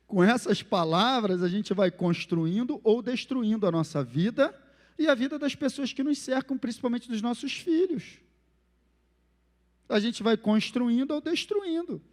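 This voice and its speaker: A man with a Brazilian Portuguese accent preaching a sermon as pastor, animated and acting out the phrases he quotes. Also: high-pitched, long reverb tail.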